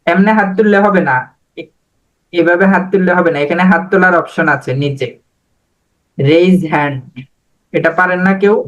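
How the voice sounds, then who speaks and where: A man's voice: sits high, fairly even intonation, moderate pace, long pauses, fairly bright tone, poor audio. A man teaching an online spoken English class over a video call, patiently drilling letters and words.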